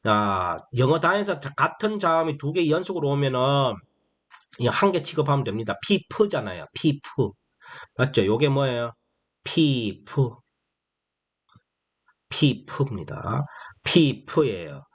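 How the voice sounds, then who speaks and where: A man gives a beginner English phonics lesson at a middle pitch. He asks a question and then answers it himself, over and over, and he stretches out the important phrases. His delivery is patient and repetitive. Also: sing-song, a bit bright. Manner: drawls key phrases slowly; calls vowels moms and consonants sons. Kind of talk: slow explanatory lesson for beginners.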